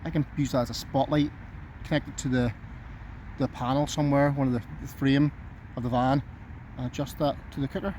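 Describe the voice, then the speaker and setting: Sitting outdoors at a tent beside a road, a camping vlogger talks casually to camera, rambling easily and thinking aloud. His medium-pitched voice is flat, fairly quick, and darkish, in a low-quality recording with clear outdoor background noise from the nearby road.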